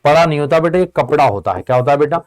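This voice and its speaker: A man's voice: on the high side, animated, rapid-fire. A male teacher leading an online exam-prep lesson, casually drilling students by asking questions and answering them himself. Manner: call-and-response drilling, answering his own questions; casual, addresses students as beta and bhai. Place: Indian tutoring channel.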